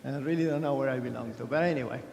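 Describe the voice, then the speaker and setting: Crowd noise sits under this man's racing, creaky, mid-range voice. An Argentine keynote speaker, he talks in a chatty, self-deprecating way with many restarts, and the big conference hall echoes with long reverb.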